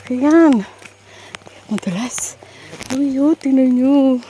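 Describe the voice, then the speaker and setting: A woman's voice: high voice, drawn-out words, warm tone, slight background noise. A woman narrating a casual hiking vlog, out of breath, chatty and full of exclamations, mixing English into her talk. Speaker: vlogger. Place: outdoors on a forest trail by a waterfall.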